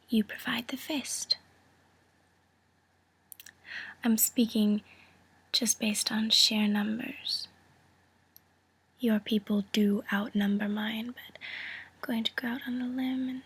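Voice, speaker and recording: A calculating mob woman, played by a woman in a whispered role-play. Her voice is extremely breathy and fairly high, with a gravelly creak. She makes a friendly threat sound smooth and teasing, condescending in her deliberate phrasing. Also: fairly bright tone, heavily acted. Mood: persuasive menace. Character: cool, calculating woman mobster proposing a partnership.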